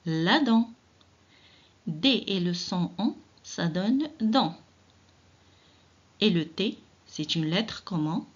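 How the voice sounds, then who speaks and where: A woman teacher giving an early reading lesson, speaking directly to children, encouraging them and sounding out syllables slowly and deliberately. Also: medium pitch, lively intonation, husky, lo-fi sound. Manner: slow, drawn-out syllable-by-syllable reading. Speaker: primary school teacher.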